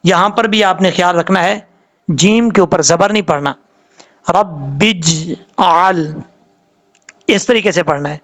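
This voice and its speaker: A man's voice: sits high, a bit bright. A man, a Quran tajweed teacher giving a patient, step-by-step recitation lesson and repeating each sound.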